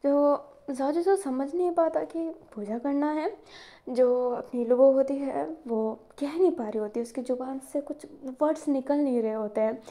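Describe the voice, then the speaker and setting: A woman's voice: sits high, unhurried, dark tone. A woman narrating a fan fiction story in a chatty retelling style, mixing English words into her speech.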